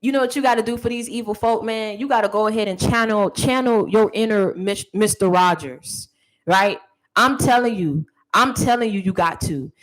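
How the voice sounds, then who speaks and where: A woman's voice: mid-range voice, moderate pace, low-quality recording. A woman giving a motivational monologue to camera, sassy and preachy, talking straight at her critics. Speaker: motivational speaker.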